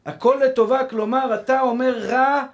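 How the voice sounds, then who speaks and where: A man with a high voice giving a sermon to his congregation as a rabbi. He preaches with passion, repeats key phrases again and again, and keeps calling his listeners brothers. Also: steady tone. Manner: impassioned, repeats phrases for emphasis.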